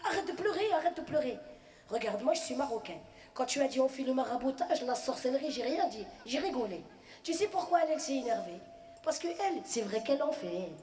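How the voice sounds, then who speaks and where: Brief: a bossy, tender mother, high and brisk, voiced by a comedienne. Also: big pitch swings, a little mellow, roomy sound. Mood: comforting. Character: kind older Moroccan mother, comforting.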